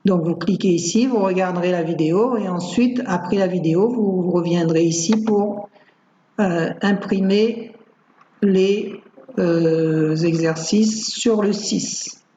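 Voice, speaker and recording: A woman teacher calmly walks parents through worksheets and a learning game, patient and hesitant, with many fillers. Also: on the low side, takes it slowly, a little hiss or hum. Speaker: primary school teacher. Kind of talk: explaining worksheets in a screencast. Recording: roomy, dull lo-fi home recording.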